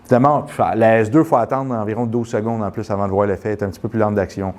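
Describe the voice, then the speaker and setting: A man with a Quebec French accent, telling a rambling, animated story full of restarts and then guiding a postural check. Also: lowish voice, very fast. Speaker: postural therapist. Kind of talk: casual storytelling and live demonstration.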